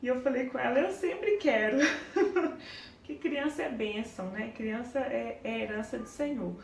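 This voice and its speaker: A woman's voice: fairly high pitch, measured pace, vocal fry, roomy sound, far from the mic, slight background noise. A young woman with a Brazilian Portuguese accent, telling a personal story to her vlog camera in an earnest way, in short broken phrases. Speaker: parenting vlogger.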